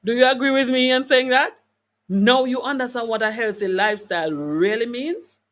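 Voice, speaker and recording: This woman's voice sits on the high side with a fairly bright tone, moving at normal speed. She hosts a wellness talk live for online viewers, reading their comments aloud, and speaks emphatically like a preacher, repeating phrases for stress and asking listeners rhetorical questions in a conversational way.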